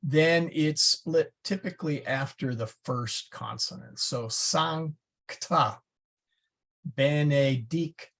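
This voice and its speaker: Guy teaching a latin class, slow and chatty, keeps correcting himself, kinda raspy voice. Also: medium pitch, a bit bright. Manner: casual, self-correcting, chatty explanations. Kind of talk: classroom lecture. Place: church classroom.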